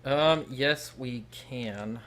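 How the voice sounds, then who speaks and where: A young man hosts a live stream in a relaxed, chatty way. He talks straight to viewers and answers them by name, at an ordinary middle pitch. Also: very slow. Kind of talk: casual live-stream chat.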